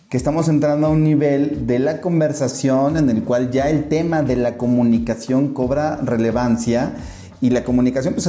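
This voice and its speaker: A man hosting a casual podcast discussion, energetic and often restarting as he steers the talk. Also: medium pitch, echoey room. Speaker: podcast host and moderator.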